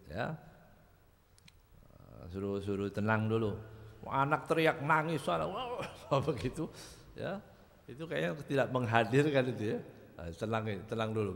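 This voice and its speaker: A man's voice: mid-range voice, vocal fry. Guy teaching a ramadan study class in a mosque, joking around, chanting arabic bits, big reverb. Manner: lively, chatty teaching with jokes and chanted Arabic. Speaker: religious teacher. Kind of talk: Ramadan kitab study lesson.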